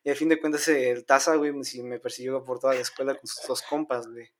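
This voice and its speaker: A man's voice: mid-range voice, steady tone, fast talker, a little hiss or hum. A young man with a Mexican Spanish accent, telling a story in casual chat, slangy and self-mocking, with lots of filler words.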